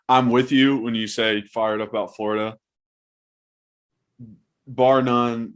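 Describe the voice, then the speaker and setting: A man hosting a sports podcast in an informal, conversational way. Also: lowish voice. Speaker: podcast host.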